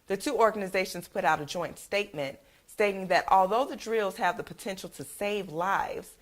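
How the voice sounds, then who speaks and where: Female news anchor, lowish voice, steady read-out delivery.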